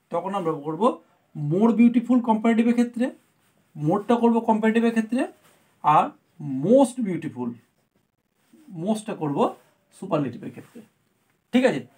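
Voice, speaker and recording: A woman as a patient grammar teacher explains step by step and keeps asking her students whether they follow. Her voice sits at a middle pitch and her talk is unhurried and clear. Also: a little mellow. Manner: explains patiently, often checks with "right?".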